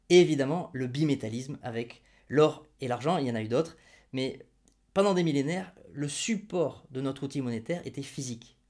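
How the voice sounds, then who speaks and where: Speaking at a measured pace in a mid-range, darkish voice, a man explains money in his own to-camera opinion video. He mocks with irony and rhetorical questions aimed at the viewer before settling into a patient, didactic tone.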